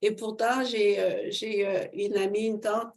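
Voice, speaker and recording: In an unhurried, medium-pitched voice, a middle-aged woman gives a fervent faith testimony while being interviewed. She's expressive, often laughing and using frequent fillers.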